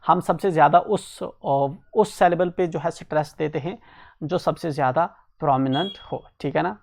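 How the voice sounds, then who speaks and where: A male teacher explaining an English textbook lesson in Hindi, who spells words out letter by letter, keeps adding "ठीक है ना", and reads English lines slowly before explaining them quickly. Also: a little high, gravelly, darkish tone. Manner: repeats "ठीक है ना" as a filler.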